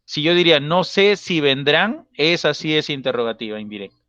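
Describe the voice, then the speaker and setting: Bright-voiced male teacher. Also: on the high side, expressive, a little fast, dry recording, dull audio. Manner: explains patiently, checks often with tag questions. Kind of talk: online grammar class.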